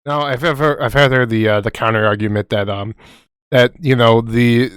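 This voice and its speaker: A man's voice: mid-range voice, steady tone, moderate pace, fairly bright tone, smooth, dry recording, clean studio sound. A young man co-hosting a casual podcast, rambling and swearing constantly. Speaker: podcast co-host. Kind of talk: casual chat.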